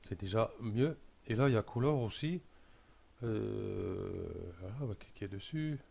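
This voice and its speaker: Hesitant low-voiced Frenchman explaining software. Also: expressive, unhurried, gravelly, breathy edge. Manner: hesitant, many fillers and restarts. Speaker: software tutorial maker. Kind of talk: casual screen-recorded software tutorial.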